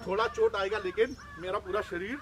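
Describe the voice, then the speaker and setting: A man teaching village children outdoors, lively and full of questions to them. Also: high-pitched, brisk, noisy background. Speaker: outreach trainer.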